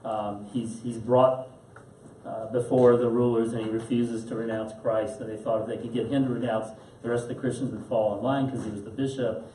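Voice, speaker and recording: A man leading a Bible study in a parish meeting room, talking in a chatty lecture style. His tone is mellow and dark. The sound is echoey and captured from a distance, with faint noise underneath. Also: medium pitch, level tone, fairly quick. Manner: chatty, acts out quotes, chuckles often. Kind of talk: conversational lecture.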